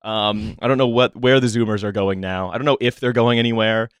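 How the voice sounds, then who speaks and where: A man around thirty hosting a casual roundtable, talking in a wry, rambling, halting way. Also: fairly low pitch, steady tone, clear, resonant tone, dry recording, studio quality. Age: late twenties to early thirties. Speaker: podcast host. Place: small studio, around a table.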